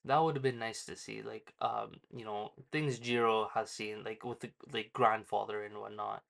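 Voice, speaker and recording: A man hosting his own channel, casually retelling a manga chapter, full of fillers and quick quoted lines. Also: lowish voice, steady tone, vocal fry, a bit bright. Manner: loose, filler-heavy retelling with quoted dialogue. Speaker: manga reviewer. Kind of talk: casual recap.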